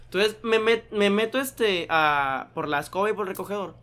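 A man's voice: high voice, moderate pace. A young man with a Mexican accent, telling a story in casual chat, full of slang and acted-out quotes. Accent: Mexican Spanish. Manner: slangy, animated storyteller acting out voices.

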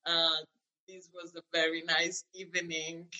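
A woman's voice: on the low side, flat delivery, measured pace, sharp tone, muffled recording. A woman in her thirties from Italy, telling her story as a guest in a conversational interview, hesitant with many fillers and restarts.

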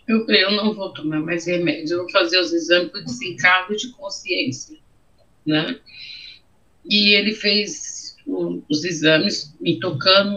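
On a dull, muffled recording, a middle-aged woman with a Brazilian accent relates her personal story in an interview. Her voice is lowish yet a bit bright, and she speaks with emotion, repeating her phrases.

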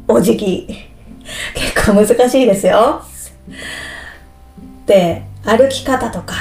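A woman explaining a topic slowly and simply, like a teacher speaking to language learners. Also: a little high, a little mellow, echoey room. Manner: slow, clear, explaining simply with repetitions. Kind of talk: slow explanatory podcast talk.

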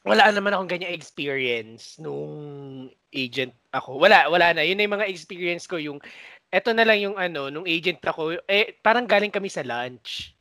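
A woman's voice: lowish voice, animated, moderate pace, a bit bright, no room sound. Chatty Filipino woman, podcast co-host. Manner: laughs often, mimics coworkers. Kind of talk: casual storytelling chat.

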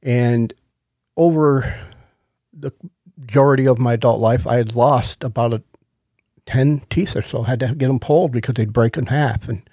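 A middle-aged man speaks with the soft consonants and lisp of someone with no teeth. He is folksy and earnest, chatting casually on a podcast in a dry, close recording. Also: medium pitch, moderate pace, dry recording. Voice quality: toothless, lisping speech after oral surgery. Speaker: podcast co-host. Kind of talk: casual conversational podcast testimony.

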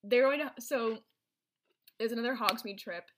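A woman's voice: on the high side, moderate pace. A woman retelling a film's plot to a friend in casual chat, rambling, with many fillers and restarts. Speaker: presenter recapping a film.

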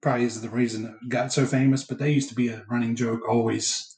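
A man's voice: medium pitch, little pitch movement, fast talker, a little mellow. A man hosting a casual film chat in a hesitant, rambling way. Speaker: podcast host. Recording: echoey, roomy sound.

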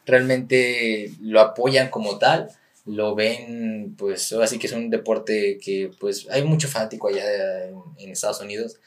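A young man with a Mexican accent, a boxer being interviewed, talking in a relaxed, rambling way with many fillers. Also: fairly low pitch, unhurried. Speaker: guest, professional boxer. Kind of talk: casual interview chat.

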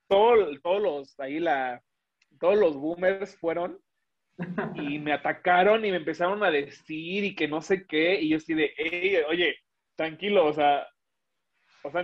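A man's voice: high-pitched, muffled recording. A man talking casually as an interview guest, rambling with many restarts and fillers. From Mexico. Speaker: guest, illustrator and animator.

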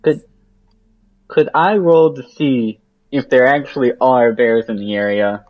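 A man's voice: medium pitch, steady tone, unhurried. Wry man player, dull lo-fi sound. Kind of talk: casual tabletop game play.

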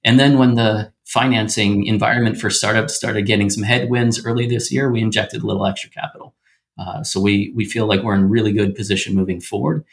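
Low-pitched male startup founder, tech-bro pitch talk. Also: steady tone, fairly quick, creaky. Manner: upbeat tech-startup pitch talk, casual business jargon. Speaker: startup founder being interviewed. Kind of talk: conversational interview answers.

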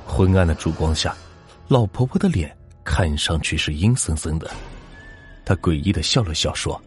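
Deep-voiced male ghost-story narrator. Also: lively intonation, moderate pace, faint music behind. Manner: dramatic, suspenseful narration.

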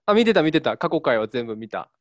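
A man with a Kansai accent chats casually as a radio co-host. His pitch is mid-range and he plays the teasing straight man. The sound is close and dry, with little room in it. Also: sing-song, fairly quick, dry recording.

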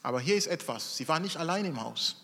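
A man preaching a sermon in an animated way, acting out the voices of people in his story. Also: fairly high pitch, fast talker, vocal fry, big-room sound. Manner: animated, acts out quoted voices.

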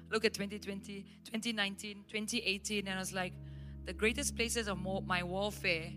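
A woman pastor with a Malaysian English accent, preaching and telling stories emphatically at a church service. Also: mid-range voice. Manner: emphatic, animated storytelling. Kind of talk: sermon storytelling. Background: faint instrumental worship music.

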